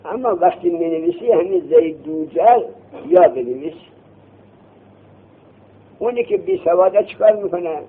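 A man with a high, lively voice runs a classroom grammar lesson. He keeps quizzing the students, answering his own questions and telling them off to listen. His voice is husky and the recording sounds tinny and phone-like. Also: long pauses. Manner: scolding the class to put things away and listen. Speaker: seminary teacher.

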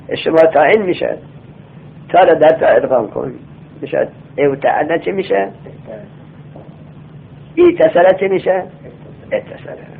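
High-voiced male teacher on a tinny recording. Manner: reads text lines aloud slowly, then explains and quizzes students. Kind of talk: classroom lecture on a grammar text. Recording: tinny lo-fi phone-like sound.

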